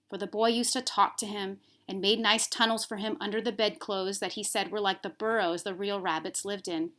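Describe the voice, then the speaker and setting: In the role of a teacher, a woman with a medium-pitched voice reads a children's story aloud. She is expressive and emphasizes key words.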